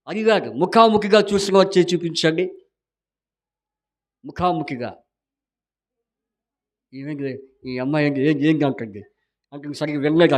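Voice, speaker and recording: Pastor, male, higher-pitched; interactive sermon that quizzes and teases the congregation. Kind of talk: Sunday sermon with call-and-response. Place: church hall.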